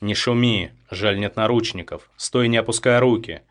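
A man voicing a calm, firm male rescuer who gives curt commands. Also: fairly low pitch, normal speed, natural voice. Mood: dry, firm.

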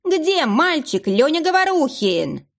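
A woman reading aloud and voicing a foolish male party clown with a shrill, squealing, drawn-out voice. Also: very animated, gravelly, full character voice. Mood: foolish shrieking.

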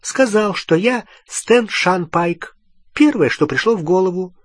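A sulky, guilty teenage boy defends himself in a raised voice with lively swings in pitch, as a male audiobook reader puts him on. The delivery is unhurried and husky, recorded dry and close. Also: no echo. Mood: explaining. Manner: pleading, shouting back defensively. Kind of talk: audiobook character voice.

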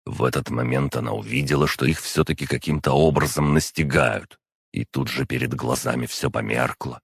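Very deep, gravelly male narrator. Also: moderate pace, no echo, studio quality. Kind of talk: first-person audiobook narration.

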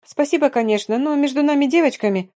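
A woman's voice: high-pitched, fast, dark tone, pitched above the performer's own voice, lightly acted. A woman voicing a smug, boastful young woman with a gloating, sing-song way of talking in an audiobook.

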